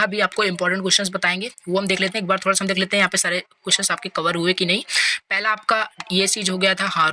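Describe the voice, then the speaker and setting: A man giving an online exam-revision lecture, explaining patiently and reading English lines out slowly. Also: sits high, pushed and bright, a little hiss or hum. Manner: leans on tags like "right?" and "over here". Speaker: exam-prep tutor.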